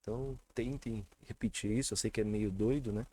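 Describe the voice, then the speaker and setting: A man's voice: lowish voice, steady tone, brisk, dark tone. A man from Brazil teaching English pronunciation in a casual online lesson, chatty, often repeating sounds with emphasis.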